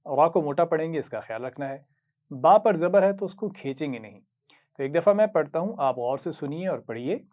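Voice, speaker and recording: A man with an Urdu accent teaching Quran reading, patiently explaining each word, reciting it slowly and praising the learner. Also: fairly high pitch, animated, a little mellow. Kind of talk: slow instructional lesson.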